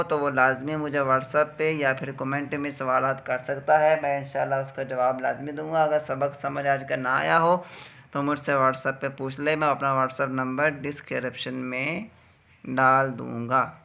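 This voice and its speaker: A man's voice: medium pitch, little pitch movement, unhurried, creaky, pushed and bright. A man from Pakistan with a Pakistani Urdu accent, teaching Quran letter reading in a patient step-by-step lesson and drawing out each letter sound. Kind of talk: slow step-by-step recitation lesson.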